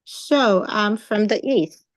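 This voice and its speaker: A woman from Nigeria with a Nigerian accent, speaking as an interview guest. Her delivery is slow and measured, and the recording is dry with no room sound. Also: mid-range voice, no room sound. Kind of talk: interview conversation.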